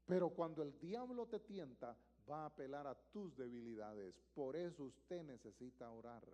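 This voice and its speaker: A male pastor preaching a live sermon in a church, emphatic and repetitive, swelling to loud exclamations. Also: mid-range voice, expressive, moderate pace. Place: church sanctuary. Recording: long reverb of a church hall.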